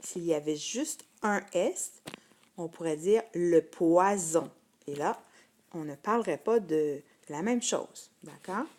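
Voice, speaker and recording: A woman's voice: lowish voice, lively intonation, unhurried, darkish tone. A woman teacher with a Québécois French accent, giving a patient phonics lesson to first graders and repeating each word twice.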